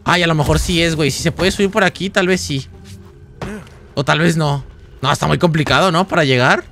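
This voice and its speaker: Streamer mexicano de voz aguda y brillante. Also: male voice, fairly high pitch, fairly quick, fairly bright tone, soft background music. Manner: chatty, thinks aloud, addresses viewers. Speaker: game streamer. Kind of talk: casual live gameplay commentary.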